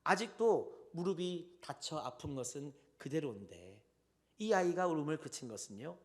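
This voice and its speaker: A man preaching a Sunday sermon as pastor, swinging between loud and soft and often addressing the congregation directly. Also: mid-range voice. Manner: tells stories with addresses to the congregation.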